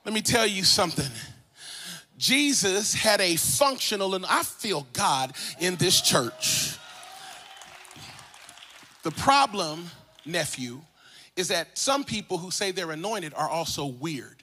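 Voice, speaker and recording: A man pastor preaching a sermon in a church, swinging from soft asides to sung, shouted calls and responses. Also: sits high, very animated, slow pace, long pauses. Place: large church sanctuary.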